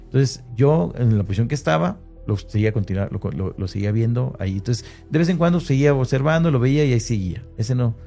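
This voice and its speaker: A man's voice: medium pitch, animated, vocal fry, mellow, faint music behind. A man with a Mexican Spanish accent, telling an interviewer his own story in conversational Spanish, hesitant, with restarts and fillers. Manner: hesitant, with many restarts and fillers, slowing at tense moments. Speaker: interviewee recounting an encounter. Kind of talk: conversational first-person account.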